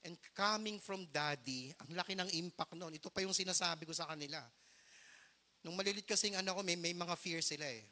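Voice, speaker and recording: A man's voice: high voice, fairly quick, bright, forceful tone. A middle-aged man preaching a storytelling sermon as pastor, earnest and mixing English phrases into his Tagalog.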